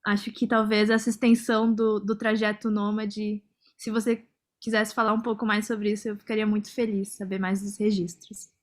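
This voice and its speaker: Flat-voiced woman asking a panel question. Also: medium pitch. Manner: measured, reads a question aloud.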